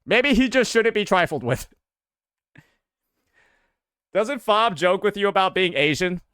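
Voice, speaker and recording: Brief: male livestreamer, casual slangy rants, bright forceful higher voice, dry mic. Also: unhurried, clear, resonant tone, no echo. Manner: animated, slangy, swears often, says "bro" a lot. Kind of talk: casual stream commentary.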